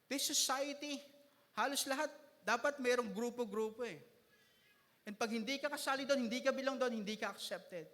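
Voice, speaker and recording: A man's voice: very high-pitched, moderate pace, bright, forceful tone. A man preaching a sermon as pastor, switching between Tagalog and English and joking with his congregation. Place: church hall. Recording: reverberant church hall.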